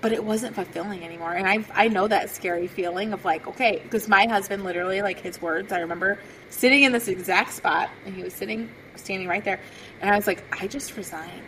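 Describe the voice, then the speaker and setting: A woman hosting a podcast, talking casually and warmly in a chatty way full of fillers. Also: medium pitch, steady tone, quick pace, a little hiss or hum, poor audio. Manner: chatty, peppered with "like". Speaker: podcast host.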